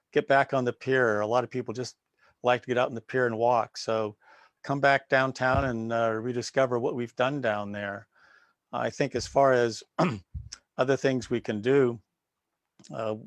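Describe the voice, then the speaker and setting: A sitting mayor answers questions at a candidate forum over a video call. He talks plainly and fills his pauses with "uh". His voice sounds dry and close. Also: medium pitch, no room sound.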